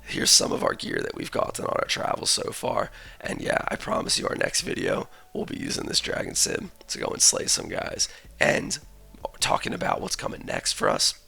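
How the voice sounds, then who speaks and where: Hoarse young male game host, gravelly and raspy, bright and very animated delivery. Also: sits low. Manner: casual, chatty, jokey asides. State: hoarse, losing his voice. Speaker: gaming channel host. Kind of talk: game commentary voice-over.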